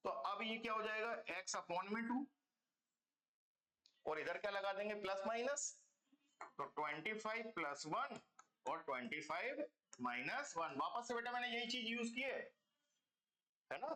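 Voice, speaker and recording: A man's voice: sits high, animated, a little slow, pauses often, bright, forceful tone, roomy sound. A man teaching a math class online, explaining step by step and checking in with his students again and again, calling them kids. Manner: calls students "beta" and "bachcho".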